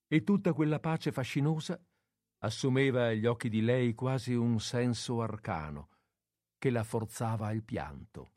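A male narrator reads a literary short story in a measured, expressive way, pausing between phrases. His voice sits at a middle pitch, and the recording is dry and close, with no room sound. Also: no echo. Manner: measured, expressive reading with pauses. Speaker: audiobook narrator. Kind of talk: literary audiobook reading.

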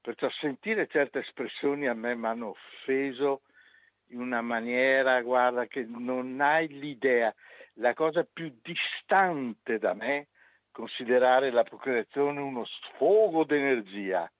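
A man's voice: mid-range voice, no echo. A man calling in to a radio show over a landline phone, speaking in an indignant, emphatic way. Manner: indignant, emphatic and slow-spoken. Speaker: radio caller. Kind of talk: call-in comment on a radio show. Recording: narrow phone line, dry.

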